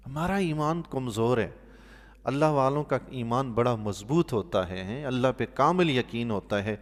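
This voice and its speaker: A mosque imam gives sermon-style Quran commentary with storytelling, his medium-pitched voice carrying a long reverb tail. He is an animated storyteller whose voice swells loudly on emphatic points, then drops to a soft, quiet tone for pious exclamations.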